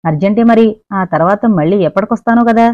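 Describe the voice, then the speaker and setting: నవల చదివే స్త్రీ పలికిస్తున్న గారాబంగా పెరిగిన ధనిక యువతి, చలాకీగా, సరదాగా ఆటపట్టిస్తూ మాట్లాడుతుంది. గొంతు మధ్యస్థ స్థాయిలో ఉంది, ఫోన్ లాంటి పొడి recording. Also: female voice, mid-range voice, fast talker, no room sound, natural voice. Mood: playful. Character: playful, pampered rich young woman. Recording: dry, narrow phone-like sound.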